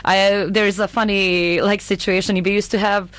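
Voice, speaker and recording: A woman from Bosnia, a venue owner speaking haltingly as a radio guest, with many fillers. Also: medium pitch, level tone, a bit bright, no room sound. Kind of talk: radio interview. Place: radio studio.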